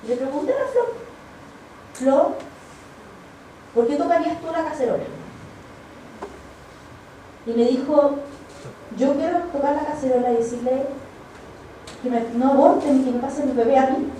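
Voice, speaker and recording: Chilean lady telling her story at church, highish mellow voice, big echoey hall, mic far off. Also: normal speed, pauses often, slight background noise. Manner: animated storytelling, acts out quoted dialogue. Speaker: church speaker. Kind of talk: personal testimony talk.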